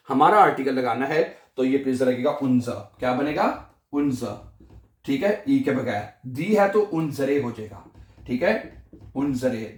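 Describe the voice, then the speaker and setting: A man with a Pakistani Urdu accent teaching German grammar in a lesson, repeating each form and asking the listener to say it back. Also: medium pitch. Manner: repeats forms and asks the listener to echo them.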